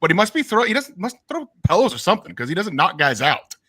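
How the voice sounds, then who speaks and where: A man's voice: high-pitched, big pitch swings, quick pace, sharp tone. A man calling in to a betting show, telling stories animatedly and swearing freely. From Missouri. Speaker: caller. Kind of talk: casual chat.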